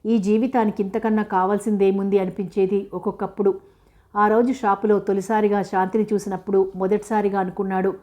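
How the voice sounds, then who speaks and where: Woman, novel narration, steady reading, mellow warm voice, flat pitch. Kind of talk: storybook narration.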